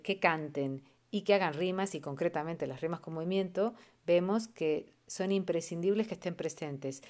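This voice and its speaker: A woman with a fairly low voice teaches on her own podcast. Her delivery is calm and explanatory, and she slows right down whenever she recites an example. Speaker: podcast host and early literacy educator. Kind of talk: educational podcast talk.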